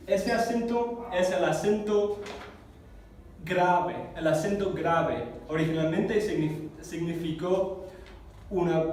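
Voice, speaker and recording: Slow-spoken man teaching in an echoey room. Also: fairly high pitch, darkish tone, slight background noise. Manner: slow, careful explanation with repeated words and self-corrections. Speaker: Greek teacher. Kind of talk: classroom lesson. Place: church classroom. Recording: echoey room recorded from a distance.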